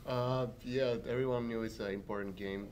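A young man, a hockey player, answering press questions in halting, short broken phrases at a table mic. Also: medium pitch, steady tone, a little mellow, a little hiss or hum. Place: press room, seated at a table. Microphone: table microphone.

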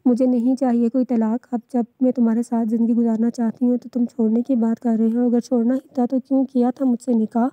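A woman reading out the lines of a young wife who is emotional and quick-tempered. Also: on the high side, level tone, dark tone, no room sound, close to an everyday voice. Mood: tearful. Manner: tearful pleading, then teasing. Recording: dull lo-fi, dry.

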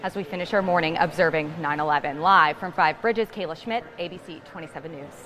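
A woman's voice: low-pitched, fast, fairly bright tone. A young woman working as a live TV news reporter, upbeat as she talks while exercising in a gym. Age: young adult. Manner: upbeat, talking while climbing a stair machine. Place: indoor gym, on a stair climber. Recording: live gym floor with background machine noise.

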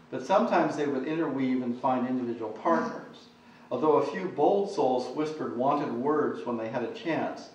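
Male author reading his novel at a talk, measured, far from the mic in a very echoey room. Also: mid-range voice, darkish tone. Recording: echoey, distant, dull lecture recording.

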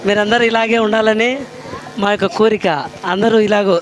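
Man playing a soft-spoken kindly pastor. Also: high voice, level tone, moderate pace, some chatter behind, lightly acted. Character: gentle older male pastor, kindly and blessing.

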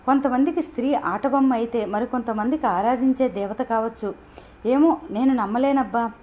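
A woman's voice: a little high, moderate pace, highs cut off, lightly acted. A woman reader voicing a breezy, teasing young woman student with a flippant manner.

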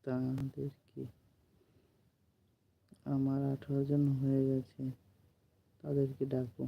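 A man doing a late-night live stream from home, speaking softly so he won't wake the household and repeatedly asking viewers to comment. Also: medium pitch, monotone, slow, vocal fry, highs cut off. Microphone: phone.

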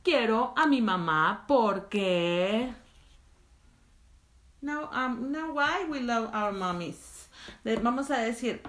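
A woman's voice: on the high side, animated, slow, fairly bright tone, echoey room. A woman teaching children by reading picture books in Spanish, repeating each line in English and chatting between pages. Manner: reads a line in Spanish, then explains it in English; chatty asides while turning pages. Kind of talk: bilingual picture-book story time.

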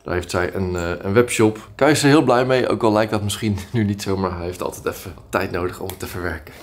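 A man's voice: lowish voice, fast talker, slight background noise. A man in his thirties chatting casually and playfully in a home vlog, recorded indoors on a nearby camera. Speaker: vlogger. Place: living room at home, indoors.

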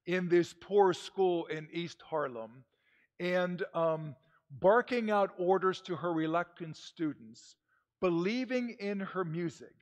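Older male priest, solemn public delivery, fairly high pitch, long cathedral echo. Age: older, 60s or 70s. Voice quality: echoing cathedral sound. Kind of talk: Gospel reading and homily. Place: large stone church, indoors. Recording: long echoing church reverb.

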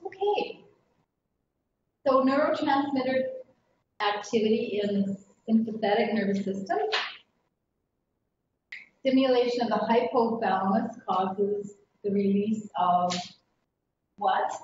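A woman instructor gives a relaxed class lecture, chatty and quick to laugh. She sounds distant from the mic in a very echoey room. The recording is dull and muffled. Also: a little high, a little hiss or hum.

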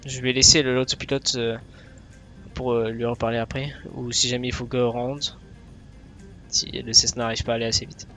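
A man's voice: medium pitch, level tone, brisk, fairly bright tone, faint music behind. A man giving casual tutorial commentary as a flight simulator presenter.

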